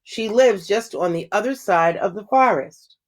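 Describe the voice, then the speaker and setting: A sweet, trusting little girl from a storybook, lifted into a bright, higher voice by a woman reading aloud. She sounds eager and innocent, asking wide-eyed questions. The tone stays light and open. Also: measured pace, natural voice. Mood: cheerful. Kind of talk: children's storybook read-aloud.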